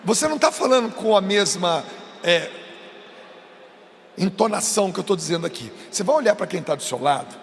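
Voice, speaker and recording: A Brazilian man preaching to a youth crowd, emphatic, swinging between coaxing and shouting. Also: high voice, lively intonation, fairly quick, pauses often. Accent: Brazilian Portuguese. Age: adult. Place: large event stage. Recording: long reverb of a big venue, faint noise.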